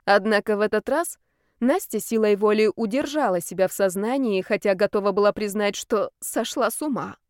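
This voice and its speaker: A woman reading an audiobook in a steady narrating voice. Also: mid-range voice, normal speed, dry recording, clean studio sound. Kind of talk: scripted narration.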